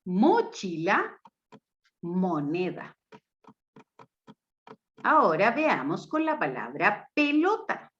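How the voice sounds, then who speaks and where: A woman teacher giving a recorded phonics lesson to young children, slow and emphatic, her voice rising to cue and praise them. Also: medium pitch, huge pitch swings, a bit bright. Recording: dull lo-fi sound.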